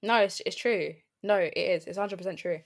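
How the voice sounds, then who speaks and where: A woman's voice: mid-range voice, a little fast. A young woman hosting a podcast in casual, slangy, jokey chat. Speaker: podcast host.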